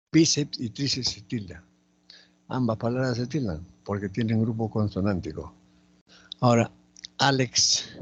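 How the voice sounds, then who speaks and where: A man teaching a spelling lesson, slowly and methodically going through each word and repeating it aloud. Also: on the low side, lo-fi sound, slight background noise. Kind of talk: spelling lesson, explaining accent marks.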